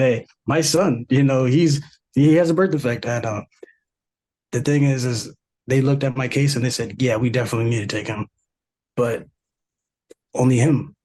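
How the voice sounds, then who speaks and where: A husky-voiced man in his thirties, originally from South Sudan, tells his story as a podcast guest. He talks loosely, with many fillers and restarts, and his voice sits at an ordinary middle pitch. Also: rough recording. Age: 30s. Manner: relaxed, many fillers and restarts, laughs while telling. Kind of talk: casual interview storytelling.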